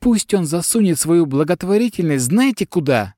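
A man's voice: fairly high pitch, expressive, moderate pace, a little mellow, no room sound, clean studio sound, pitched above the performer's own voice. A man voicing a flustered, defensive woman. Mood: indignant. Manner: agitated, self-justifying, tearful. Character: frightened, defensive middle-aged woman, a lecturer. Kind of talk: audiobook character dialogue.

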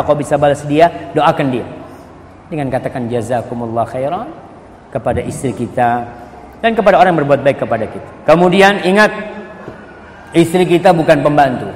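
A middle-aged man preaching a sermon, telling lively stories, acting out quoted voices and reciting Arabic sayings slowly. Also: fairly high pitch, slight background noise. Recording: echoey hall with faint ambience.

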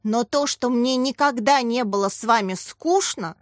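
A woman voicing a female head teacher who addresses the children briskly and fondly. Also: fairly high pitch, no echo, studio quality, close to an everyday voice.

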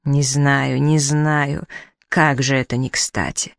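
Man doing a raging, shouting old professor. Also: medium pitch, flat delivery, takes it slowly, vocal fry, clear, resonant tone, no room sound, clean studio sound. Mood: exasperated. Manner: shouting, furious, exasperated. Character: hot-tempered shouting elderly male professor.

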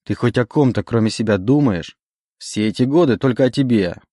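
A man voicing a grief-stricken young man who shouts in anguish at the demon inside him, in an audiobook reading. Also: mid-range voice, brisk, no room sound, clean studio sound, natural voice. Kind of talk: audiobook character voice.

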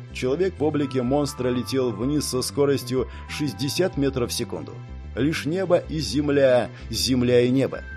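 A man's voice: medium pitch, mellow. Man narrating an audiobook over faint music.

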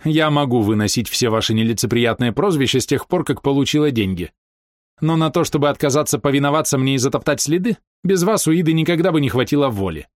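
A man's voice: mid-range voice, expressive, quick pace, dry recording, clean studio sound, voice pushed up, natural voice. A man reading aloud and voicing a cruel, scheming woman who sneers and gives orders. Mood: contemptuous. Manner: sneering, commanding.

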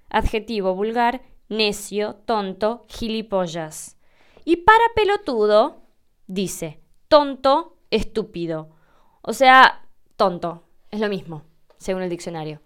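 A woman from Argentina with an Argentine Spanish accent, hosting a podcast and patiently explaining language questions from listeners. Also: a little high. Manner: clear, patient, explains step by step.

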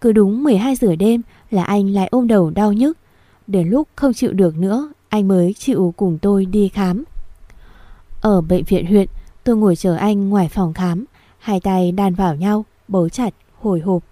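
A woman reading a first-person story aloud in a steady, gentle storytelling manner. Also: medium pitch, moderate pace, no echo. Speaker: audiobook narrator.

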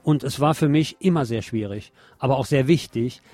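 A man with a warm, medium-pitched voice and normal speed presents a radio programme, reading aloud in a formal, courteous way. There is no echo.

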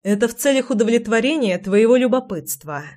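A woman voicing a guarded young woman who answers with sharp, suspicious retorts. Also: on the high side, animated, a little fast, lightly acted. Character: wary, prickly young woman recovering from a wound.

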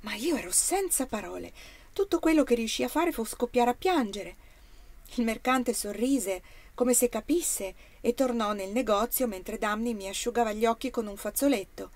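A woman reading a first-person story aloud, with an expressive, emotional delivery. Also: fairly high pitch, moderate pace, no echo. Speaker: audiobook reader.

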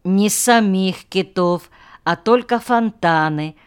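A woman reading a gently chiding schoolteacher man. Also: medium pitch, slow pace, smooth, natural voice. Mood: coaxing. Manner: mildly chiding, coaxing questions. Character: patient male village schoolteacher, gently reproachful. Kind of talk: audiobook character voice.

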